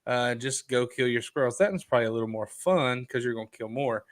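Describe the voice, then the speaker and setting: A talkative man hosting a live show, chatting loosely at a middling pitch. He reads comments aloud and hops from one topic to the next in an unscripted, everyday way. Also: a little fast. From Kentucky. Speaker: livestream host. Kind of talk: casual live chat.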